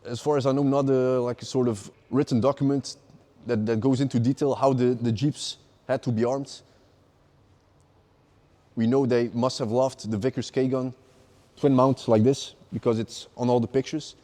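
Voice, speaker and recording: A man's voice: mid-range voice, steady tone, moderate pace, dark tone. A man co-hosting, explaining casually and repeating words as he restarts. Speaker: co-host.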